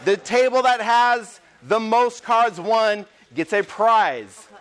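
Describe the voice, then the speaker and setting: A man presenting a hands-on teacher training workshop, upbeat and energetic as he demonstrates to a room of teachers. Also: sits high, slow pace, slight background noise. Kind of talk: live teacher training session. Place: conference room with audience.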